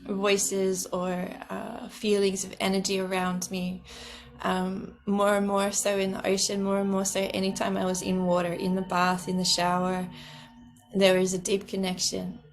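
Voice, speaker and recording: A woman hosting her own podcast, telling a personal story in an earnest, gentle way and laughing softly between phrases. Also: mid-range voice, completely flat delivery, moderate pace, vocal fry. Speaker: podcast host. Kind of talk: reflective personal storytelling monologue.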